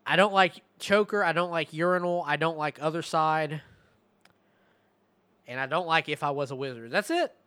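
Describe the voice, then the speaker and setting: A man giving a casual, profane album review, rambling and slipping into rapped lyrics, his voice going hoarse. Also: fairly high pitch, normal speed, sharp tone, no room sound. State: losing his voice.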